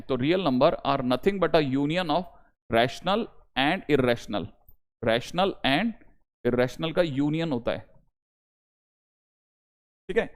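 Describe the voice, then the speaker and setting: A young man teaching a maths class online, repeating reminders to his students and switching between Hindi and English. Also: a little high. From India. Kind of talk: online lecture.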